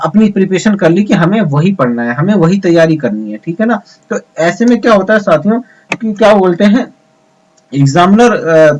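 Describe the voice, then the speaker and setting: A man teaching an exam preparation lesson, repeating points and asking his students rhetorical questions. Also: high voice. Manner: repetitive, addresses students as friends, rhetorical questions. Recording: dull lo-fi sound.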